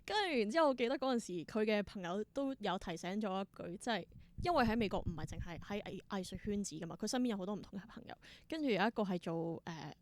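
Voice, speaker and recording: A young adult woman with a Hong Kong Cantonese accent speaks at a medium pitch, fast and with lively intonation, and there's no echo. She's a theatre performer appearing as a podcast guest, casually telling stories in the interview and acting out snippets of dialogue.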